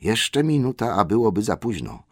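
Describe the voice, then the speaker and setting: A man with a lowish voice narrates a fantasy audiobook, reading his scripted text in a steady, measured way. The recording is studio quality with no echo.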